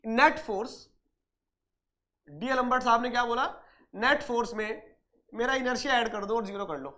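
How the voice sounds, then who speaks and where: A man with a very high, sharp-toned voice lectures online at normal speed, preparing students for an engineering exam. He answers the questions he asks, repeats himself, calls students dear and brother, and blends in English technical terms.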